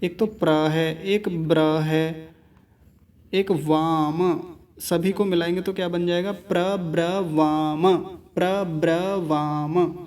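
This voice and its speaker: A man with a fairly high voice leads a pronunciation lesson in an unhurried way. He breaks each word into syllables and says them slowly, one at a time, then repeats them patiently. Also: fairly even intonation, darkish tone. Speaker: teacher. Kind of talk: slow, careful pronunciation lesson.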